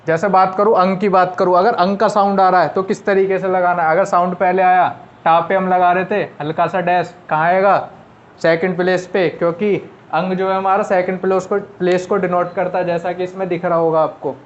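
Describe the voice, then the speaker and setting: A man with a fairly high voice teaches a shorthand class, talking casually and going over each step again as he writes it out. The sound is a little dull and lo-fi. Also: little pitch movement, a little fast. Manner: talks while writing on a board, repeats and explains step by step.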